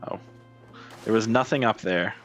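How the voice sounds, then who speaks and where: A video game streamer gives casual gameplay commentary, muttering to himself as he plays over game music. His voice is fairly low and moves at normal speed.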